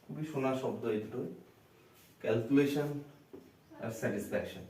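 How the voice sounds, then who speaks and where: A man teaching an English grammar lesson, breaking words slowly into syllables and answering his own questions to the class. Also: medium pitch, dark tone, slight background noise. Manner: asks the class questions and answers them himself. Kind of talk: classroom lecture. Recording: roomy echo, voice from a distance.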